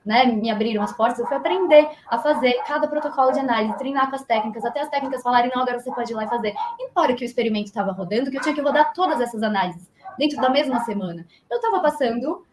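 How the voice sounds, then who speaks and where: A woman's voice: a little high, lively intonation, fast talker, hardly any pauses, crowd noise. A woman speaking as an engineer guest in a live video interview, explaining animatedly and acting out imagined dialogue. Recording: roomy echo.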